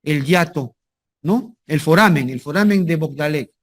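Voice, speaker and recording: A man's voice: on the high side, moderate pace. Man lecturing, repeating key terms. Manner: repeats key terms, asks students if they follow; jokey asides. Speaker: anatomy lecturer. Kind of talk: medical lecture with slides.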